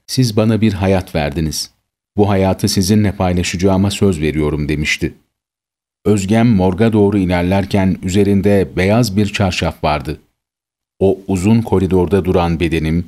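A man reading a sad first-person story aloud as scripted narration, in a slow, somber storytelling manner. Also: low voice, darkish tone.

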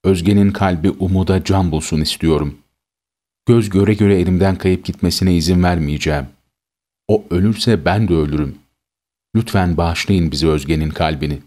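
A grieving mother pleads through tears in a storybook reading, voiced by a man. Her voice is very deep and low. Her pleading manner stays steady. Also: normal speed, close to an everyday voice. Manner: pleading, tearful.

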